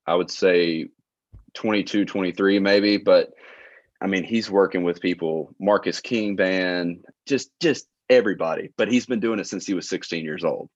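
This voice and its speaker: A man in his late twenties from South Alabama with a Southern accent, telling stories as a podcast guest in a relaxed way with lots of filler words. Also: deep voice, moderate pace, dry recording, lo-fi sound. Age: late 20s. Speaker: guest, tour manager. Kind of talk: casual interview chat.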